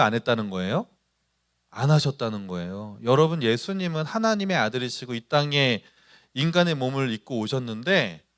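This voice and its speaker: A man preaching at a youth service, putting on voices for the people he quotes and asking the congregation questions. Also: a little high. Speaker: pastor.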